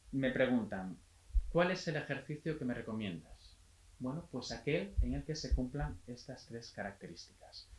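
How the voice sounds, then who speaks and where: Man explaining in a mellow, echoey voice. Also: medium pitch. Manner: explanatory, calm, with small restarts. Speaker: physiotherapist. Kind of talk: health talk.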